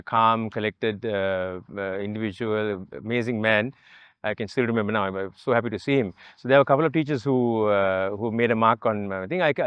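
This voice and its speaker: A man's voice: medium pitch, clean tone. Hesitant man reminiscing about school. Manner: hesitant, many fillers and restarts. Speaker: alumnus guest. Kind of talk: casual reminiscing chat.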